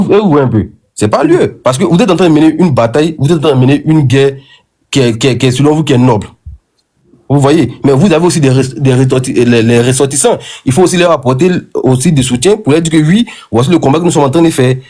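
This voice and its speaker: Brief: man in an online debate, mid pitch, halting and lecturing, stumbles and restarts. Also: warm tone. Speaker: debate participant.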